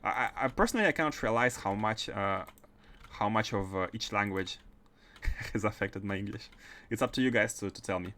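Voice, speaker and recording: Somewhat fast and pushed, this man's lowish voice sounds bright, with a little hiss or hum behind it. Speaking with a Russian accent, he chats casually while playing on a livestream, repeatedly starting phrases over.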